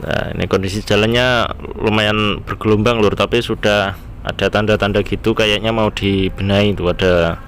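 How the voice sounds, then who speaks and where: Here a man from the Bojonegoro area of East Java, Indonesia, offers casual driving commentary as a car vlogger, with an East Javanese accent and a habit of addressing viewers as friends. His voice is lowish, and the recording carries steady car, road, and traffic noise from inside the moving vehicle on town roads.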